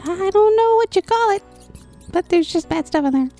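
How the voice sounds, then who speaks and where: A woman's voice: very high voice, lively intonation, moderate pace, mellow, soft background music, pitched above the performer's own voice. A woman voicing a small, hungry, friendly rat with a put-on Minnesotan accent, chirpy and stammering. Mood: wary.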